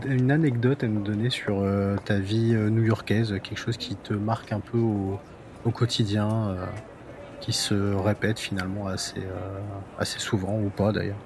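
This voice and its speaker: A man's voice: on the low side, flat delivery, normal speed, noisy background. A man interviewing a guest in a casual chat, hesitant and encouraging, with many fillers.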